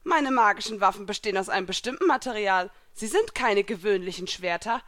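Woman putting on a bold warrior gal, stern and cocky, loud and high, storybook reading. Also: a little fast, lightly acted. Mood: fierce, taunting. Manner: commanding, taunting.

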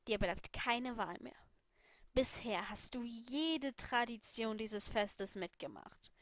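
A woman's voice: a little high, a bit bright, no echo. Cocky young wizard in a storybook, half-whispered teasing, dry close sound; woman reader doing the voice.

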